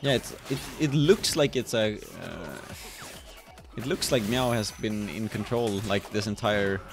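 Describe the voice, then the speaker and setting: Chill guy casting a game tourney, kinda low voice, lots of ums, music going behind. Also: unhurried. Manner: relaxed, chuckles often, many fillers. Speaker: esports caster. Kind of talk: casual game commentary.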